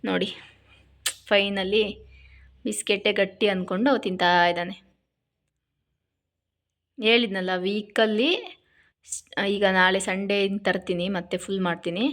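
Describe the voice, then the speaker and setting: A woman talking to her pet dog in a scolding, coaxing way, then quietly explaining to viewers. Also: medium pitch, fairly even intonation, measured pace, pauses often. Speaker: pet vlogger.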